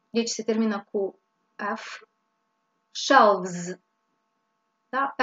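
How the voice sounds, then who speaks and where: A woman from Romania teaching English grammar, explaining each rule slowly and repeating it with small hesitations. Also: sits high, fairly bright tone. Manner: slow, explains each rule twice with fillers. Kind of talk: bilingual grammar lesson. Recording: dull lo-fi sound.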